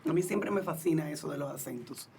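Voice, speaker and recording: A woman's voice: low-pitched, fast, darkish tone, a little hiss or hum. A woman from the Dominican Republic hosting a radio chat, asking curious questions.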